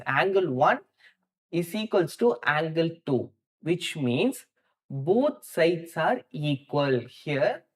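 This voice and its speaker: A man with an Indian accent and a fairly high-pitched voice hosts a live online maths class. He thinks out loud while solving problems step by step, speaks straight to his students, and often repeats words for emphasis.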